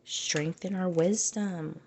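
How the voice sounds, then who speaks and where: Woman, low voice, gravelly fry, casual tarot reading, conversational, restarts phrases. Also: steady tone, slow, a little mellow, slight background noise. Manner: musing, conversational, trails off and restarts. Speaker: tarot reader.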